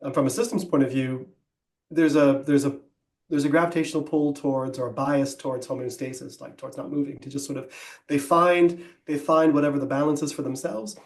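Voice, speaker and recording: A man co-hosting a business podcast talks through ideas in a considered, explanatory way. He pauses on "um" and restarts his sentences. His mid-range voice carries a noticeable room echo. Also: medium pitch, fairly even intonation. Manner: thoughtful, explanatory, with frequent ums and restarts. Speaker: podcast co-host. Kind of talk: conversational business podcast discussion.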